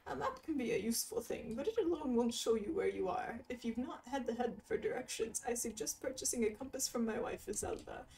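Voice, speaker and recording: A woman voicing a nerdy, cheerful male bug cartographer in a video game, in a high, chirpy voice. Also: animated, fairly quick, hardly any pauses, mellow, far from the mic, slight background noise. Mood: chipper.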